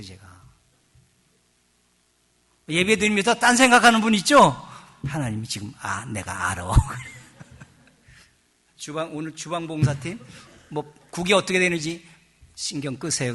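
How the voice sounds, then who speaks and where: A middle-aged male pastor delivers a sermon in a bright, forward voice that sits high for a man. His delivery is animated, dropping to hushed asides and rising to loud emphasis, and he slips into chatty, joking quoted voices.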